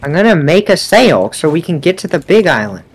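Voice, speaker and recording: A man's voice: a little high, fairly quick, a little hiss or hum. A teenage boy in a co-op game, talking animatedly, pushing his friends for materials and often trailing off. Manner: animated, pushy, trails off quietly. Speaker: gamer friend. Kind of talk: casual game chat.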